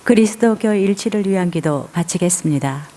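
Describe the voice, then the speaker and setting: Lower-pitched woman making formal church announcements. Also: lively intonation, dark tone. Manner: measured, formal reading.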